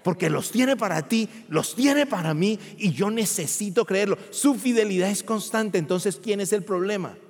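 A male pastor preaching emphatically, asking rhetorical questions and rising to loud peaks. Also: high voice, normal speed, few pauses. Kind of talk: sermon. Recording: long hall reverb.

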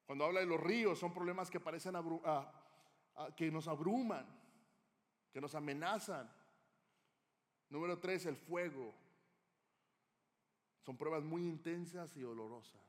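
A male preacher delivering a sermon in a church hall, telling stories dramatically and swinging from loud to hushed. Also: a little high, measured pace, long pauses. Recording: long hall reverb.

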